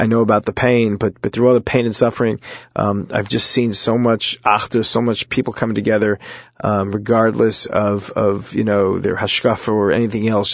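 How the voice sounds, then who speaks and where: An American man hosts an informal radio program in a fairly flat, slightly low voice. He talks haltingly, repeating words as he goes. The sound is dull and a little lo-fi, like an internet phone hookup. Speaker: radio show host. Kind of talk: informal radio hosting with storytelling. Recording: muffled lo-fi internet phone audio, roomy echo.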